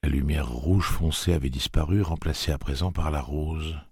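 A man reading a novel aloud as the narrator, in a steady, expressive way. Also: extremely low pitch, normal speed, breathy edge, no echo, studio quality. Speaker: audiobook narrator. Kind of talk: scripted narration.

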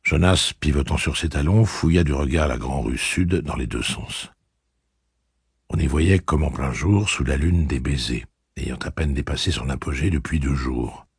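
Deep gravelly male audiobook narrator. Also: moderate pace, no room sound. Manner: dramatic, lively phrasing. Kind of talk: expressive audiobook reading. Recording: dry close recording.

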